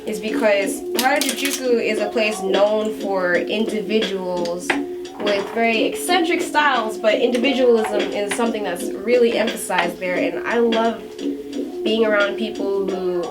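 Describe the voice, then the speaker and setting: A chatty woman of about twenty, born in Japan, answers interview questions about her work as a tattoo artist, keeping it casual and laughing often. Her voice is medium-pitched and she speaks a little slowly. Loud music plays in the background.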